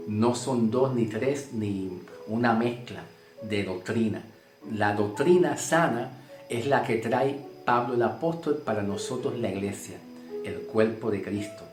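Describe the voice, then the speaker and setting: A man's voice: medium pitch, unhurried. A man from Puerto Rico with a Puerto Rican accent, preaching a sermon, emphatic and repetitive, often checking in with "ok?". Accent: Puerto Rican Spanish. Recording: roomy sound with faint guitar music.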